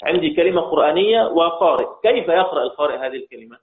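Egyptian man teaching slowly, tinny echo. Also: fairly high pitch, expressive. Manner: slow, repetitive teaching with rhetorical questions. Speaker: teacher of Quranic recitation. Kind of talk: recorded lesson. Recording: tinny, echoey lo-fi recording.

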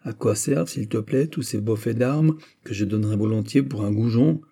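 A man's voice: lowish voice, moderate pace, gravelly, dark tone, breathy edge. A man voicing a skeptical young midshipman who mocks his friend's heroics, in a storybook reading. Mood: wry.

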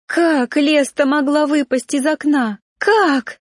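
A woman's voice: high-pitched, slow, no room sound, studio quality, voice pushed up. A woman playing a wailing, grief-stricken mother. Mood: anguished. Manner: wailing, shouting.

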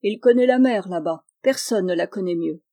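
A woman's voice: medium pitch, normal speed, dark tone, close to an everyday voice. A woman as an earnest, sing-song young islander.

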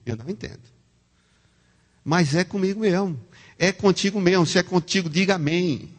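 Man, sermon, animated delivery, fairly high voice, long hall reverb. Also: normal speed. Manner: animated, calls the congregation to repeat words. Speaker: preacher.

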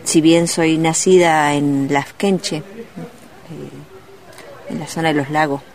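A woman from Neuquén, a ceramist guest on a radio interview, speaking gently and hesitantly with many pauses. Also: low-pitched, fairly even intonation. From Neuquén, Argentina.

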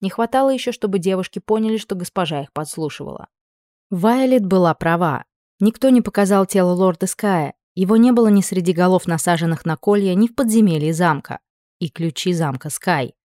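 A woman reading a fantasy story aloud in a steady, measured way. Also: fairly low pitch, dry recording, clean studio sound. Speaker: audiobook narrator. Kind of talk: scripted fantasy narration.

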